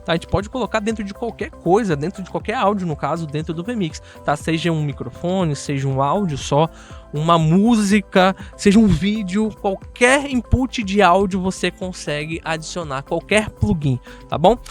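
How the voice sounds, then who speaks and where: High-voiced Brazilian man hosting a tutorial. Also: moderate pace, faint music behind. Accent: Brazilian Portuguese. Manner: chatty, addresses viewers directly with frequent tag questions. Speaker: host of an audio software tutorial channel. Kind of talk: casual video tutorial.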